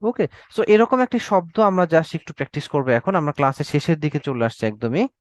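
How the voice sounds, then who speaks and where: A man's voice: fairly high pitch, expressive, fairly quick, no echo. A Bangladeshi man teaching an online Arabic class, explaining patiently and often checking with his students. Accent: Bangladeshi Bengali. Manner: explains patiently, repeats words and checks in with "okay?".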